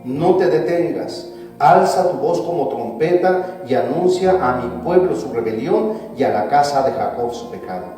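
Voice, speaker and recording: A man preaching a sermon as pastor, with emphatic rises and drawn-out stressed words. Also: fairly high pitch, animated, dark tone, soft background music. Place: church sanctuary. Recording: echoey church hall, voice from a distance.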